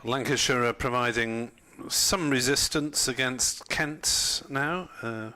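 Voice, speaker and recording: Man, cricket co-commentary, bright and crisp tone, halting with lots of uh. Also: mid-range voice. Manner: hesitant, lots of "uh", matter-of-fact. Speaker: co-commentator giving scores from other matches.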